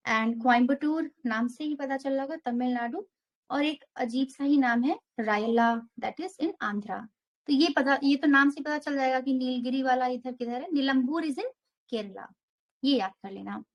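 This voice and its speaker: A young woman teaching an exam prep geography lesson, walking through a map step by step and mixing English terms into her Hindi. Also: high-pitched.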